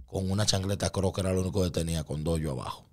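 A man's voice: low-pitched, racing, dark tone. A man giving a conversion testimony as an interview guest, a vivid storyteller who acts out the voices he quotes.

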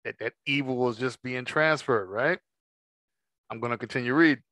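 A man teaches a scripture study, reading verses aloud slowly and then explaining them in a measured way. His medium-pitched voice has a sharp tone, and the recording is dry with no room sound.

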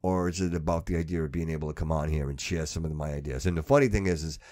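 This podcast host has a rumbling low, darkish voice, a steady tone and a quick pace, captured dry with studio quality. He talks in loose, slangy, forceful fashion, says things twice to drive them home, and keeps addressing listeners as dude and bro.

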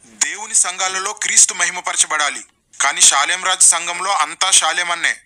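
A man's voice: sits high, normal speed, bright, forceful tone. A man delivering satirical voice-over commentary in a sarcastic, mocking way.

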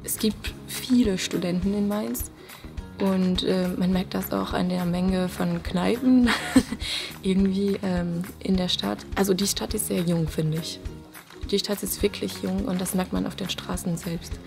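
A woman's voice: mid-range voice, steady tone, measured pace. A young woman from France, an international student, talking casually in a library. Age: young adult. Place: university library indoors. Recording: music clearly underneath.

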